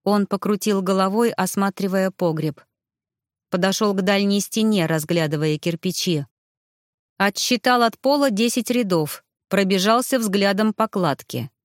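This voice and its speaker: Female audiobook narrator, steady first-person telling, mid pitch, dry booth sound. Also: a little slow, dry recording.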